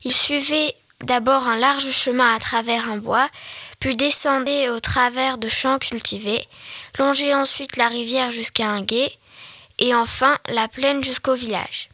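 A woman's voice: high-pitched, fairly even intonation, unhurried, bright, forceful tone, no room sound. A schoolgirl reading a story aloud carefully for her class. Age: under 12.

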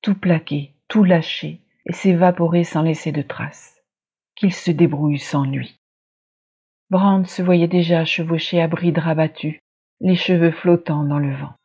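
A storyteller giving a measured, dramatic scripted reading of a dark fantasy tale. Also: medium pitch, steady tone, slightly rough, muffled recording.

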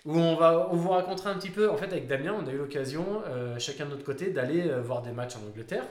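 A man's voice: a little high, expressive, fast talker, echoey room. A man co-hosting a football podcast in casual, joking banter. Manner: laughs often, joking banter. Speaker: podcast co-host. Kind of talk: casual chat.

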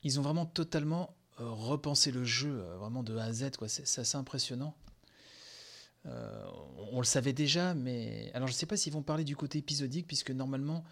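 A man hosting a podcast, reacting live to a game conference, excitable and gushing, with many fillers and sighs, tired from sleepless nights. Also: mid-range voice, fairly quick. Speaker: podcast host.

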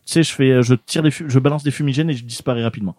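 A man hosts a relaxed radio chat show from a studio, his voice warm and mellow. He talks loosely, full of fillers and false starts, and the sound is close and dry. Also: medium pitch, very fast, dry recording. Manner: chatty, lots of fillers and restarts.

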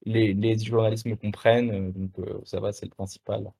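A young adult man, a musician guest in a casual interview, talking in a relaxed, slangy way with many fillers and restarts. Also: on the low side, moderate pace, vocal fry, breathy edge.

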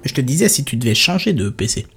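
A man's voice: mid-range voice, very animated, fast talker, gravelly, a bit bright, husky. Guy running a chatty tech podcast, teasing his cohosts, headset mic, bit of music underneath. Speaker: podcast host. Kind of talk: casual tech podcast chat.

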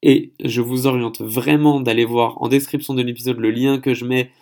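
Gravelly-voiced man hosting a podcast. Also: mid-range voice, steady tone, moderate pace, a little mellow. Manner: explanatory, thinking aloud with frequent self-corrections. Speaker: podcast host. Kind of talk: solo podcast monologue.

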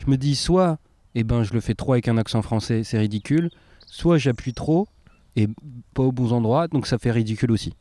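A man's voice: medium pitch, brisk, hardly any pauses, dark tone, dry recording. A man from co-hosting a podcast, chatting casually, self-mocking and laughing, swearing offhandedly. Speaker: podcast co-host. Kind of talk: casual chat.

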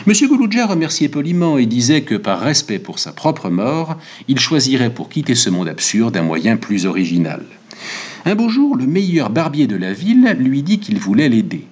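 Husky man reading a book review. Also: mid-range voice. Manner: animated, wry reading.

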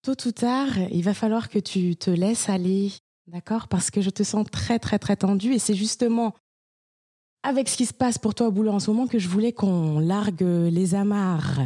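Woman improvising a husky, soothing partner. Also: mid-range voice, normal speed, mellow, no room sound, clean studio sound, lightly acted. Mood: coaxing. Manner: soothing, reassuring. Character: affectionate woman coaxing her partner onto a boat. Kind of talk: improvised comedy scene.

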